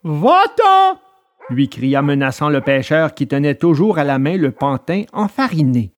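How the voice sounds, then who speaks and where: A man narrating a children's storybook episode with expressive delivery. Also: on the high side, moderate pace. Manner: expressive, lively. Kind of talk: storybook reading.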